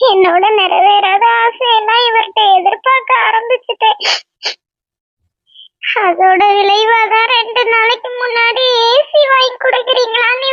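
A voice actor playing a hurt, tearful young wife in a Tamil cartoon, pleading softly with a Tamil accent. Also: extremely high pitch, dry recording. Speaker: cartoon character. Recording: dull lo-fi dry voice track.

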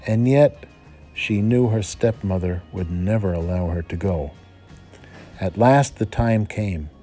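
A male first-grade teacher reading a fairy tale aloud to children, in a dramatic, expressive storytelling manner. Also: deep voice, takes it slowly, soft background music.

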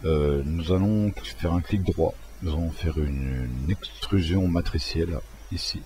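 A man walking through a software tutorial in a casual, hesitant way, with many fillers and restarts. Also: deep voice, a little slow, a little hiss or hum. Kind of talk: casual screen-recorded tutorial.

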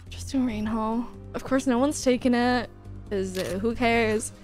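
High-voiced playful woman streamer. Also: measured pace, darkish tone, faint music behind. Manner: playful, teasing, laughs often. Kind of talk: casual chat on a gaming stream.

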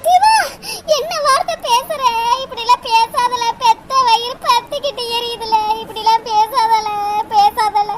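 A woman's voice: very high voice, steady tone, normal speed, hardly any pauses, music in the background. A woman voicing an anxious middle-aged mother in a cartoon, pleading and scolding her son. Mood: distraught. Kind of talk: cartoon voice acting. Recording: loud background noise.

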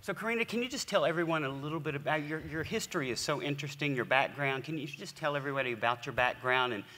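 A man's voice: a little high, fast, bright, forceful tone. A man in his forties hosting an onstage interview, chatty and enthusiastic, with frequent restarts. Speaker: host. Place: large conference stage. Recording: hall reverb from a stage.

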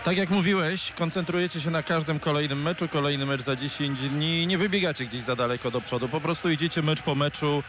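A middle-aged male sports reporter asks upbeat questions after the match, his voice sitting a little on the high side. Clear arena noise runs under his handheld mic. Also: fairly quick, few pauses. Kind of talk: post-match interview. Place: courtside interview wall in an arena.

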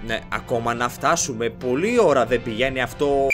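A man hosting a let's play, giving excitable, jokey commentary as he plays and shouting at game characters. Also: medium pitch, over loud music. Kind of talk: live gameplay commentary.

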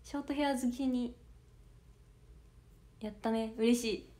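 A 21-year-old idol audition candidate with a Kansai Japanese accent chats casually on a livestream, reading viewer comments aloud and giggling often in a bubbly way. Her voice is a little high and warm, steady in tone, at a measured pace.

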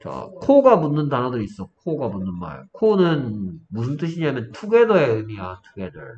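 A man teaching an English vocabulary lesson to a student in a small room, explaining step by step and quizzing with quick questions. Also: medium pitch, wildly swooping pitch, darkish tone. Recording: dull lo-fi room recording, faint noise.

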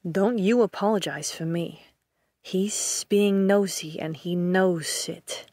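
Brief: a bitter, curt scientist, slow-spoken, in a dry audio drama. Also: female voice, on the low side, a little mellow, dry recording. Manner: curt, bitter, self-doubting. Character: Sam, a brooding injured scientist.

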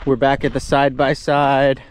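With an action camera mic capturing him outdoors, a young man narrates his photography vlog on a desert trail, chatty, upbeat and walking through his gear. Oddly, his mid-range voice comes out completely flat at a normal pace, carrying a little hiss or hum. Occasionally he runs out of breath.

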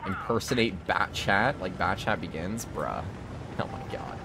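A man's voice: low voice, measured pace, noisy background. A male game streamer chatting casually on a live stream, his voice strained and tired, laughing and answering chat in slangy talk.

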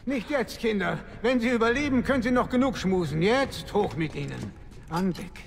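An elderly resistance member in a video game, gruff and impatient. His voice is high for a man and creaky, brisk and urgent over machine noise. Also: expressive. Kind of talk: German video game dub acting. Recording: mechanical noise behind.

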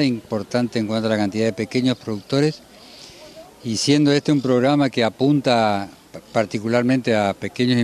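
A man, explaining in an interview in a measured, hesitant way with pauses mid-phrase. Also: mid-range voice, a little mellow. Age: 60s. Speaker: institute president, interviewee. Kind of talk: news interview, unscripted explanation. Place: outdoors at cattle pens. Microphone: handheld reporter microphone.

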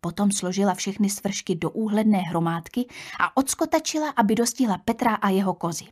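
A woman narrating a children's audiobook in a calm, measured storytelling manner. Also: mid-range voice.

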